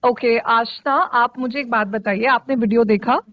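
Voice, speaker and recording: A woman with a high voice teaches children in an online spoken English class, patient and stopping often to check that they follow. The sound is dry and close, squeezed through a thin, phone-like line. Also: steady tone, normal speed, dry recording. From Uttarakhand, India. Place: studio for a virtual classroom.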